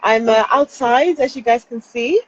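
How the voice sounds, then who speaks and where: Speaking outdoors during lockdown, a young woman from the Netherlands who is a trainee counselling psychologist chats as an interview guest. Her voice is on the high side at normal speed, recorded lo-fi, and she's reflective, hesitating and laughing lightly.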